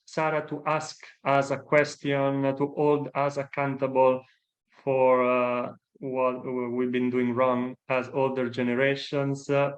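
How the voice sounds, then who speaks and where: A man's voice: mid-range voice, monotone, unhurried, highs cut off. Hesitant male panel moderator. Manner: hesitant, many fillers. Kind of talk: panel discussion.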